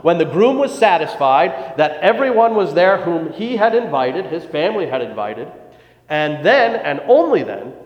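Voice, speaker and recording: A pastor delivering a sermon, telling a joke story and then explaining scripture. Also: male voice, a little high, big pitch swings, normal speed. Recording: echoey hall, dull lo-fi sound.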